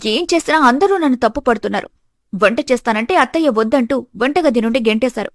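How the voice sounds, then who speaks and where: A woman voicing a meek but steadfast young daughter-in-law in an animated story, earnest and pleading. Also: fairly high pitch, fast, no room sound, studio quality, lightly acted. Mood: hurt.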